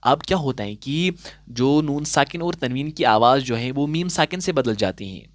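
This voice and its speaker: A man's voice: mid-range voice, animated, no echo. Patient male tajweed teacher, dry sound. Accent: Urdu-inflected Hindustani. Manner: patient, asks questions and answers them himself; slows to recite example verses slowly. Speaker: Quran recitation teacher. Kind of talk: classroom-style tajweed lesson.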